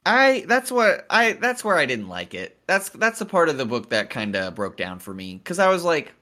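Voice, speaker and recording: A man with an American accent chats casually in a bright, punchy voice at a middling pitch. He is emphatic, with bro-like slang and easy swearing. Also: sing-song, fairly quick. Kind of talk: casual chat about books and hypotheticals.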